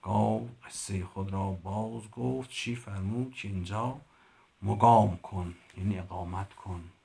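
In a deep, creaky, warm voice, a male literature teacher works line by line through classical Persian prose. After reading passages aloud, he explains them plainly, sometimes pausing to fix how he pronounced something.

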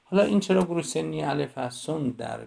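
A man giving a lecture, stressing and repeating the key points and reading children's poems aloud slowly. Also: on the high side, animated, creaky, a little mellow. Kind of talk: university lecture.

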